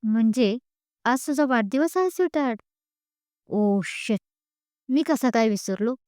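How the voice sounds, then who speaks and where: A protective young man in an audio story, firing off anxious questions and then joking warmly, as a woman narrator puts him on. The tone is mellow and smooth, a little higher than her usual talk, recorded dry and close. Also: no room sound, lightly acted. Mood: cheerful. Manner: worried rapid questions, teasing. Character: caring young man, protective elder-brother type.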